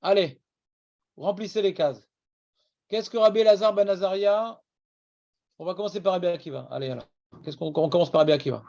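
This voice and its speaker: A high-voiced man with an Iranian accent leads a Talmud class, brisk and teasing as he scolds his students. The sound is dry and dull, like a lo-fi classroom recording. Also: vocal fry, darkish tone, no room sound. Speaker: Talmud teacher.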